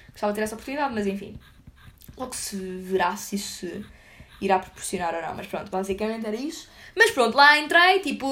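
Fast-talking young Portuguese woman vlogger. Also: on the high side. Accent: European Portuguese. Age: young adult. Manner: slangy, chatty, full of fillers. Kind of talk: casual storytelling to viewers.

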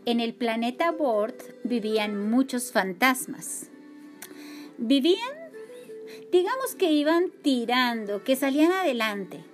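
Slow expressive Spanish-storyteller. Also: female voice, a little high, soft background music. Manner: expressive, lively reading. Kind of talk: children's story read aloud.

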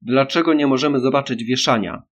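A man voicing a fierce young boy and his little sister, yelling accusations in a loud voice. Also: mid-range voice, a little fast, natural voice. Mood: demanding.

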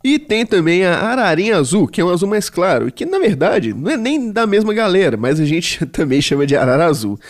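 A man with a high, sing-song voice and a Brazilian Portuguese accent talks a little fast with few pauses. He hosts a casual educational podcast about animals, chatty and playful and full of slang.

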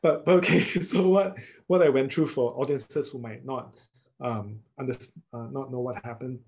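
A man with a Singaporean accent answering interview questions casually, often pausing and rephrasing mid-sentence in a hesitant way. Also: mid-range voice, fairly even intonation, vocal fry, darkish tone. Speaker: guest, writer and researcher.

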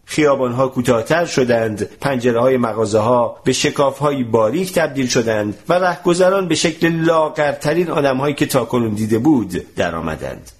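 Male narrator, storybook reading, animated, wide lively pitch. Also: hardly any pauses.

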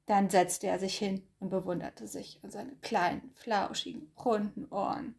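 A woman reading a bedtime story aloud in a slow, gentle storytelling manner. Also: medium pitch, fairly even intonation, vocal fry. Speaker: reader.

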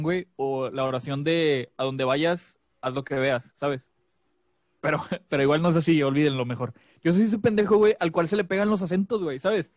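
A man chats in a joking, slangy, profane way. His voice is slightly high, and the sound is very dry with no room echo. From Monterrey, northern Mexico. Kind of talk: casual chat.

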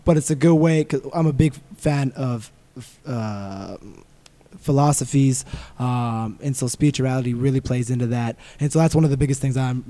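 A man's voice: medium pitch, mellow. A man chatting casually on a podcast, easygoing and slangy. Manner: easygoing, laid-back slang.

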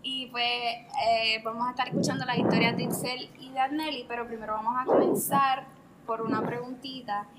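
A woman's voice: fairly high pitch, level tone, normal speed, very noisy. A woman with a Puerto Rican accent hosting a casual group podcast, informal and teasing as she steers the conversation. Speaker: podcast host.

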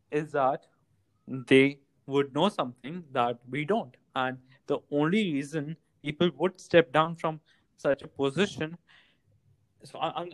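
A man's voice: on the high side, no echo, poor audio. A man with a Pakistani accent hosting a casual podcast, switching between English and Hindi-Urdu mid-sentence. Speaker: podcast host.

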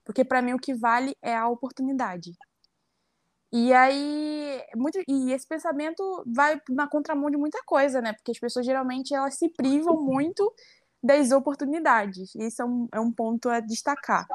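A woman's voice: high voice, moderate pace, no echo, clean studio sound. A young woman from Rio de Janeiro with a Carioca accent, chatting reflectively as an interview guest. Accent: Carioca Brazilian Portuguese. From Rio de Janeiro, Brazil. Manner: chatty, reflective, frequent tag questions. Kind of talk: casual interview conversation.

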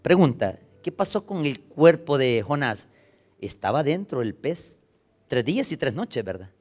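A man preaching with strong feeling, his voice dropping to a hush and then rising to loud, impassioned calls. He acts out the voices of dying people as he speaks. Delivered in a plain, mid-pitched man's voice. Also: sing-song, a little slow, faint music behind. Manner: emotional preaching, swings from hushed to shouting, acts out voices of the dying. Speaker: pastor. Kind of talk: sermon.

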